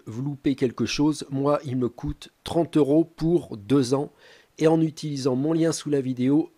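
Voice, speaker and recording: A man presenting a step-by-step tech tutorial, talking calmly with frequent hesitant filler pauses. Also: mid-range voice.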